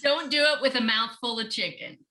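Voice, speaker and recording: A woman co-hosting a podcast interview over a video call, bubbly and quick to laugh. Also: fairly high pitch, very noisy. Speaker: podcast co-host. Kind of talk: casual interview chat.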